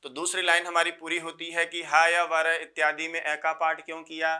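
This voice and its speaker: Male Sanskrit teacher for an exam-prep lecture: bright, somewhat high voice, slow repetitions and questions to the class. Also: monotone. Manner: repeats key phrases slowly, asks students rhetorical questions; recites Sanskrit rules in a measured chant.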